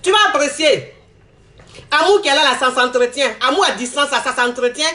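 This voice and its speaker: Brief: Ivorian man, high and congested with a cold, chatty slang-heavy advice vlogger. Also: quick pace, a little hiss or hum. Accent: Ivorian French. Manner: animated, repetitive, chatty street slang. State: congested with a cold, throat-clearing. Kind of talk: casual advice monologue to viewers.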